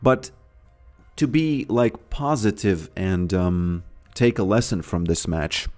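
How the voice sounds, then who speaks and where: Deep-voiced man, halting stream chat. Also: a little mellow, faint music behind. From Latvia. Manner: halting, repeats words, many fillers. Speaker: game streamer. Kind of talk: casual live-stream chat.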